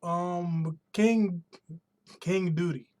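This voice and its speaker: A high-pitched, darkish male voice with a steady tone and drawn-out words. He's an American chatting casually on a live stream from a room at home, rambling and often restarting or rephrasing himself. A pollen allergy has left his voice slightly worn.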